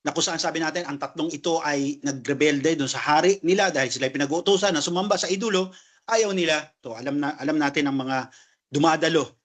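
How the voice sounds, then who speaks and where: A man teaching a religious class, explaining each term as he goes and often checking in with a quick "no?". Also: a little high, fairly bright tone. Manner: explains terms, tags sentences with "no?". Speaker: Islamic lecturer.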